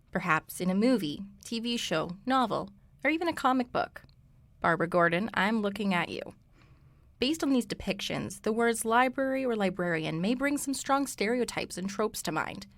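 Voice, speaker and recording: A young woman co-hosting a student radio show, reading a scripted segment in a brisk, wry way. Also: mid-range voice, no echo. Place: radio studio.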